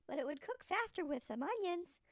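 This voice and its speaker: A woman's voice: extremely high pitch, lively intonation, brisk, dry recording. A woman voicing a cunning, hungry young man who coaxes his way through a storybook tale. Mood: coaxing. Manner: coaxing. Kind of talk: storybook character voice.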